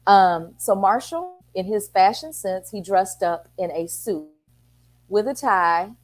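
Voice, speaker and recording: A woman's voice: mid-range voice, animated, slow pace. Earnest middle-aged woman telling a story. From Texas. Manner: earnest, storytelling, acting out quoted exchanges. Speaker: city council member and parent guest. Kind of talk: talk show conversation.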